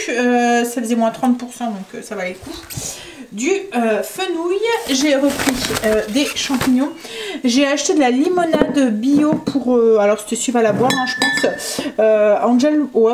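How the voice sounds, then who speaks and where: A woman's voice: fairly high pitch, background noise. Chatty woman with a northern French accent. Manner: chatty, rambling, many hesitations. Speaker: vlogger. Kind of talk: casual home vlog chat.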